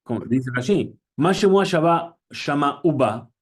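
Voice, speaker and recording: Rabbi teaching with questioning pauses. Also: male voice, a little high, animated, slightly rough. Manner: teaching with questions and Hebrew quotes; frequent hesitations and restarts. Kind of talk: Torah class.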